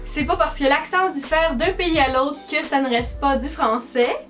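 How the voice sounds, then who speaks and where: Chatty teenage Québécoise girl with a high voice. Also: normal speed, a bit bright, soft background music. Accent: Québécois French. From Quebec, Canada. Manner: chatty, dry sarcastic replies. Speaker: YouTuber. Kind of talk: casual vlog, reading comments aloud.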